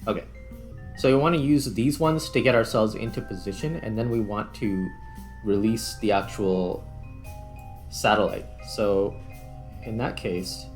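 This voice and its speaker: A man hosts a gaming video, giving casual gameplay commentary and thinking aloud as he works. His voice is on the low side, unhurried and full of pauses, with background music underneath.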